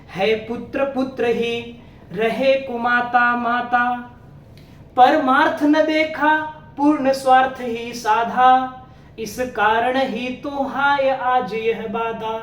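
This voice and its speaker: A man reciting Hindi verse in the voice of a remorseful, proud queen mother, declaiming with passion, recorded far off in a roomy space with a faint rumble. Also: steady tone, slow, a bit bright, full character voice. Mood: impassioned. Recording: roomy echo, distant mic, faint rumble.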